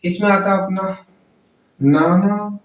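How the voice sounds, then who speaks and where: A man's voice: sits high, steady tone, slow pace. A man teaching a chemistry class, asking questions and answering them himself, repeating key words. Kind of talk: classroom lecture. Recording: roomy echo, voice from far off.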